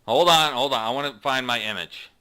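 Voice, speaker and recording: A man runs a tabletop role-playing game for his players. He reads the scene descriptions slowly and dramatically, then drops into halting, casual asides between them. His voice sounds bright and crisp, sitting at an ordinary pitch for a man. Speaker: game master. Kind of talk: narrating a tabletop game online.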